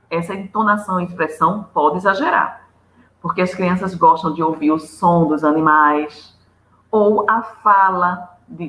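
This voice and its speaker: A woman's voice: on the low side, fairly bright tone, echoey room, a little hiss or hum, low-quality recording. A woman giving a lecture on storytelling, listing practical tips with examples in a didactic manner.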